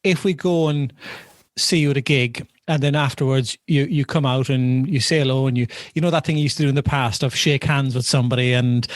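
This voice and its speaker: A man co-hosting a casual chat, talking in halting, conversational phrases. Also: mid-range voice, fairly even intonation, no echo, clean studio sound. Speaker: co-host.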